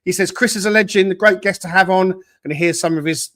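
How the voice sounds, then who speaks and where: A man's voice: high-pitched, quick pace, fairly bright tone. A man hosting a podcast, upbeat and chatty, welcoming commenters and introducing his guest. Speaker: podcast host. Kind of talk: casual chat.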